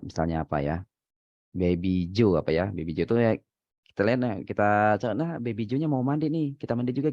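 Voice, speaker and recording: A man's voice: deep voice, a little mellow, no echo. A man, a father, casually giving parenting advice in a chatty way, laughing often and using many fillers. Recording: dry, dull lo-fi sound.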